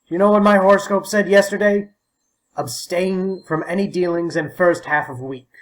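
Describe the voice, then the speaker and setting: A man's voice: sits high, fairly even intonation, normal speed, pitched above the performer's own voice, lightly acted, rough recording. A man voicing a stubborn, fussy old man in an audiobook, peevish and sputtering. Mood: grumbling. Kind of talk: audiobook character voice.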